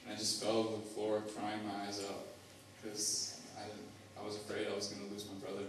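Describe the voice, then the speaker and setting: A young man giving a personal testimony as a student, halting, with many fillers and restarts. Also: on the low side, completely flat delivery, slight background noise. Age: young adult. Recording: echoey hall, mic far off, faint ambience.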